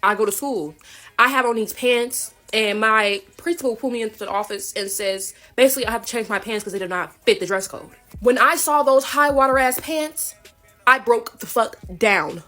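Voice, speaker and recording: A woman's voice: on the high side, moderate pace, bright, forceful tone, soft background music. Candid young woman telling a storytime. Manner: candid, self-deprecating chatty storytelling. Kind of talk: casual storytime.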